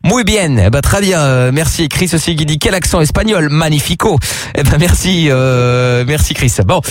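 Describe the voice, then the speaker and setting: A man's voice: a little high, normal speed. A man hosting a late-night radio call-in show, teasing callers and reading listener messages aloud. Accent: French. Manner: teasing, joking, reads listener texts aloud. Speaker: radio host. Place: radio studio. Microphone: studio mic.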